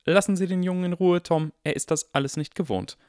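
A man voicing a stern, brisk older woman teacher in an audiobook, firm and clipped. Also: high-pitched, a little mellow, dry recording, studio quality, voice pushed up, natural voice.

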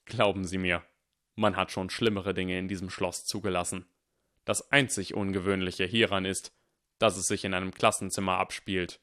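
A man voicing a stern, cunning male teacher who speaks calmly, deliberately and firmly. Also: lowish voice. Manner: calm, deliberate and firm.

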